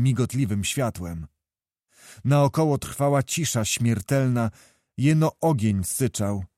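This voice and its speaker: A man's voice: mid-range voice, dark tone, no echo, clean studio sound. Man narrating a historical novel. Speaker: audiobook reader.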